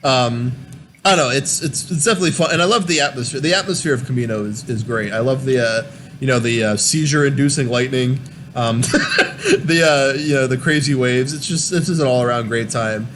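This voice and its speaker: A young man talks casually about video games at an average pitch, rambling along with lots of fillers and false starts. A steady noise sits clearly behind his voice on a home recording. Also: fairly quick. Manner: rambling, many fillers and restarts. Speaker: podcast host. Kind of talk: casual gaming chat.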